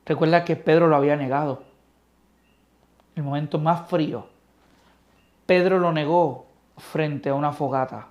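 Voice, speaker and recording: A man preaching through a Bible lesson in a slightly high voice. He swings from forceful emphasis down to hushed, almost whispered words. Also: a little slow, long pauses, muffled recording. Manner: expressive, swings between loud emphasis and soft near-whispers. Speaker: Bible teacher.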